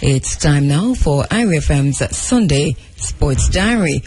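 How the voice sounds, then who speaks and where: A man's voice: fairly high pitch, lively intonation, a little slow, darkish tone, breathy edge. A man with a Jamaican accent hosting a live radio discussion programme. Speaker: radio host. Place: radio studio.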